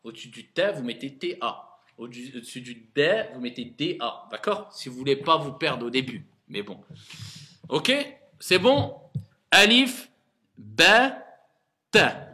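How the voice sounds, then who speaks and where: A man's voice: medium pitch, lively intonation, normal speed, sharp tone. A man teaching Arabic reading to a class as an imam, coaxing his students and repeating sounds for them to echo. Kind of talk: classroom lesson.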